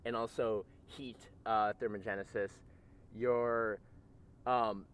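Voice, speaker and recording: A man's voice: fairly low pitch, flat delivery, slow pace, smooth. A young man in ice-cold water, casually explaining things in conversation outdoors. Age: young adult. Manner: talking while immersed in ice-cold water. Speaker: interviewed cold-plunge enthusiast. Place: outdoors in a frozen lake.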